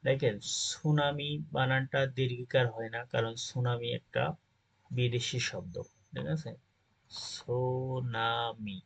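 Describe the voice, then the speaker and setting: A man's voice: mid-range voice, creaky, lo-fi sound. A man teaching an exam-prep grammar lesson, reading out word lists and often checking in with his listeners. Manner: reads word lists, checks in with "ঠিক আছে?".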